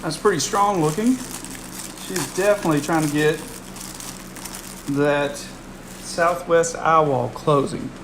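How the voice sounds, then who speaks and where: Slow-paced man over a loud steady hum. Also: a little high. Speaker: weather live streamer. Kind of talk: casual live weather commentary.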